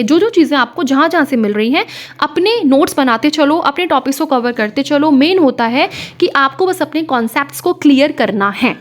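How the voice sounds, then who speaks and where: A young woman teaching as an exam coach, walking viewers through study material in a chatty lesson and checking in often with short asides to the listener. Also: high voice. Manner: chatty, repeats "है ना" and "ठीक है" to the listener. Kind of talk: screen-share lesson talk.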